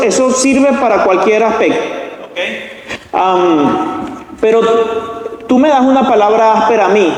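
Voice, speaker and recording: Pastor guy preaching, highish voice, acts out couples yelling, big echoey church hall. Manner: acts out shouting quarrels in a high strained voice; asks the congregation frequent questions. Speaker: guest pastor. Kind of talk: sermon. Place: large church sanctuary.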